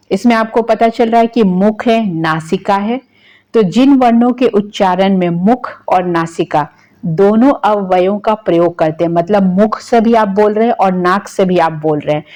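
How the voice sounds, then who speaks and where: A woman's voice: medium pitch, warm tone. A woman teaching Sanskrit grammar in an exam-prep lecture, asking questions and answering them herself. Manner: asks questions and answers them herself, repeating key terms.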